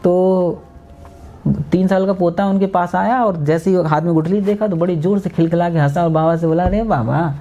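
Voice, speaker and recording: A man's voice: sits high, moderate pace, lo-fi sound. A man with an Uttar Pradesh Hindi accent, a guest telling stories and acting out voices in a podcast interview. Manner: animated storyteller acting out voices.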